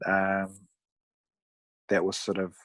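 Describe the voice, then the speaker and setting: A man in his thirties with a broad New Zealand accent, chatting casually as a podcast guest in a laid-back, matey, rough-around-the-edges way. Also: sits low, monotone, slow pace, a bit bright, no room sound. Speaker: podcast guest, amateur endurance athlete. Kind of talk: casual conversational storytelling.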